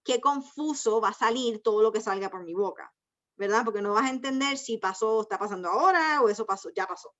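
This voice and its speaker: Female teacher, bright, higher-pitched voice, patient and methodical, lo-fi call audio. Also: lively intonation, brisk. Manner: patient, explains step by step, mixes Spanish and English. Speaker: ESL teacher. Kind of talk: online class teaching. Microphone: video call. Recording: dull lo-fi video call audio.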